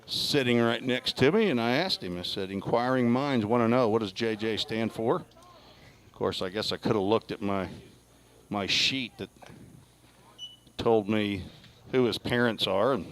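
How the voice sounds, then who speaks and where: A man's voice: lowish voice, a little slow, pauses often, fairly bright tone. Chatty man in a press box. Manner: chatty, folksy, reads player stats. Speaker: color commentator. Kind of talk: baseball radio commentary.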